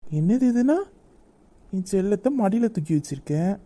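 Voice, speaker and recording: A woman's voice: mid-range voice, expressive, normal speed, dark tone, lightly acted. A woman voicing a hurt, proud young man in love, in a romantic audio drama, talking in a sulking, reproachful way. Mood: tender.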